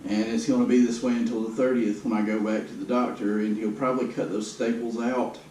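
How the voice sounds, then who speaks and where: A vlogger shares his health news casually, his mid-range, slightly mellow voice showing little pitch movement and running a little fast, the mood downbeat and resigned. Recorded through a distant camera microphone, it sounds roomy and noisy.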